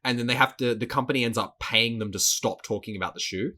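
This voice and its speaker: A man's voice: mid-range voice, fast, bright, forceful tone. A man co-hosting a podcast in casual chat, swearing often, laughing and repeating words as he talks. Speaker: podcast co-host.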